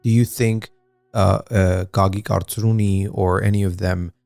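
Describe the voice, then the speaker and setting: A man's voice: low-pitched, fairly even intonation, a little slow, gravelly, darkish tone, dry recording, faint music behind. A man co-hosting a casual history podcast, talking in a rambling way with many fillers and restarts. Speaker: podcast co-host.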